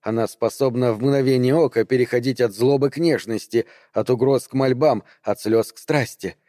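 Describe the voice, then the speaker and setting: A man voicing a desperate, sharp-tongued woman, urgent and sardonic, in an audiobook reading. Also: mid-range voice, moderate pace, no room sound, studio quality, lightly acted.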